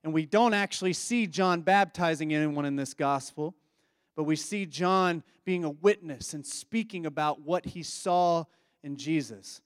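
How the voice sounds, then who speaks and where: High-voiced man preaching conversationally. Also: unhurried, dry recording, studio quality. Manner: conversational, reflective preaching with acted quotes. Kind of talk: sermon.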